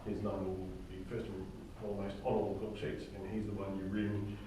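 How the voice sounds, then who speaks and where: A distant, middle-aged man speaks fairly quickly in a low voice with little pitch movement, sounding echoey. He is the director and co-writer, giving an informal spoken introduction to a table read while the group sits on chairs in an indoor room, and he drops jokey, self-deprecating asides. Picked up by a far-off microphone, the recording is echoey, with loud background noise.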